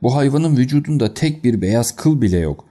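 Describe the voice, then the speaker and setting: A man reading the lines of an anxious, quick-tempered colonel in an audiobook, in an agitated and excitable manner. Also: mid-range voice, voice pushed up, natural voice.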